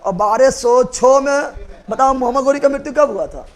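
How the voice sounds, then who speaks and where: High-voiced man teaching history. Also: normal speed. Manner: repetitive, quizzing students, joking rhymes. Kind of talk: classroom lecture with mnemonics.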